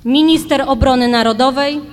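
A woman's voice: high voice, moderate pace, big-room sound. A woman formally reading out an official decision as a ceremony announcer.

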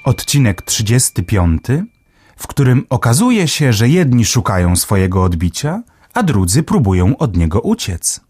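A man reading a children's story aloud with gentle, expressive narration. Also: medium pitch, normal speed, husky, soft background music.

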